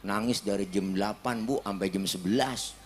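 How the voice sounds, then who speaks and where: A man preaching a comic, storytelling sermon to an outdoor crowd on a handheld mic, swinging from loud calls to hushed asides. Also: lowish voice, normal speed. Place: outdoor field gathering.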